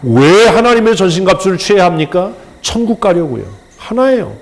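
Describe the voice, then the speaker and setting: A man's voice: high voice, very animated, fairly quick. A male pastor preaching a sermon in a colloquial, humorous way, acting out little dialogues as he goes.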